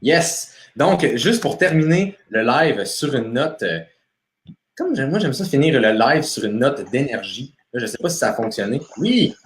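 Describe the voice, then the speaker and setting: A man's voice: mid-range voice, big pitch swings, measured pace, reverberant. A man with a Québécois accent hosting a live stream interview, casual and full of fillers. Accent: Québécois French. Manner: casual, many fillers and restarts. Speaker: host.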